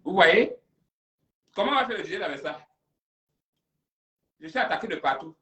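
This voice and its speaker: A man runs a live stream and takes callers, dramatic and quick to push back. His voice sits a little high. The sound is roomy and distant from the mic. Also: animated, sharp tone. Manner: theatrical, confrontational. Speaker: livestream host.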